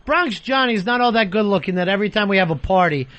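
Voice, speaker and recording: A man's voice: high-pitched, expressive, fast, fairly bright tone, a little hiss or hum. Teasing, foul-mouthed male radio host. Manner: teasing, profane, laughs often. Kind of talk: casual radio banter.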